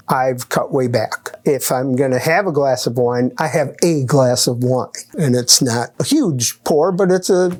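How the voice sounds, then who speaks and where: A man in his eighties giving a testimonial interview as a chiropractic patient. He talks haltingly with many restarts and lists his points by number. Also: on the high side, darkish tone. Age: 80s.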